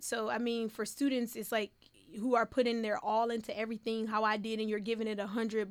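Bright, clear-voiced young woman. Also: fairly high pitch. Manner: animated, filler-heavy, emotional storytelling. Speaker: interviewee, first-generation college graduate. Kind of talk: casual storytelling interview.

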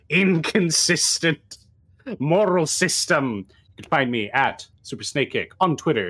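A man, a game player and voice actor, giving a wry, deliberate sign-off plug. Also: a little high, fairly bright tone.

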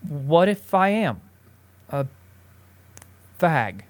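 A man's voice: a little high, moderate pace, lightly acted. A young man in a student radio drama playing a shy, anxious teenage boy who stammers and pleads. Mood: pleading. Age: young adult. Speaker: nephew.

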